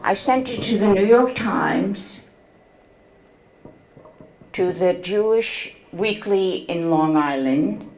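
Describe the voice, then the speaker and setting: A woman in her seventies, a memoir author reading from her book and telling her story to an audience in a slow, measured way. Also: medium pitch, darkish tone, a little hiss or hum, rough recording. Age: 70s.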